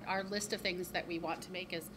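A woman's voice: on the low side, steady tone, brisk. Woman, bakery owner, upbeat chatty interview, ums, handheld mic, noise behind. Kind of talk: casual interview. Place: bakery shop, indoors. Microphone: handheld reporter mic. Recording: noticeable background noise.

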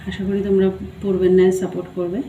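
A woman chatting casually and softly to her viewers while she cooks in her home kitchen, recorded on a phone camera. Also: lowish voice, flat delivery, rapid-fire, roomy sound, dull audio, very noisy. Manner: talks softly, chatty and homely. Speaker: family vlogger. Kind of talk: casual vlog chat while cooking.

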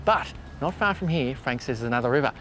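A man with an Australian accent hosting a fishing show from a boat outdoors, excitable and chatty, laughing often. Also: mid-range voice, quick pace, faint music behind. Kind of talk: casual outdoor fishing commentary.

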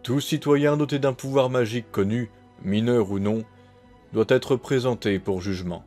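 A man voicing a grim mage hunter who states the law flatly. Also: mid-range voice, normal speed, faint music behind, lightly acted. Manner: grim, matter-of-fact.

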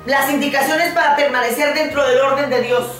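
An older woman preaching a sermon in short phrases, pausing for an interpreter, in a living room. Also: high-pitched, steady tone, fairly bright tone. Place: living room set with framed pictures. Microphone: far camera. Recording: echoey room from far off, faint music.

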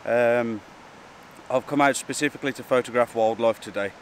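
A man, talking casually and a little hesitantly to camera as a wildlife vlogger, outdoors beside rushing water. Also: medium pitch. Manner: informal, hesitant and chatty. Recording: outdoor wind, rushing water and traffic noise.

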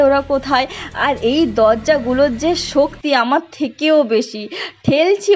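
Chatty, high-voiced woman vlogger. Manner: self-mocking, chatty, addresses viewers directly. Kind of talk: humorous vlog voice-over.

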